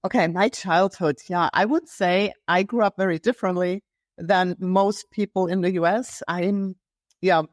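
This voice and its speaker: A German woman, a health coach, tells her story in a casual interview, her talk full of fillers and restarts. Her voice is fairly low and steady at a normal speed, recorded in clean studio quality with no echo.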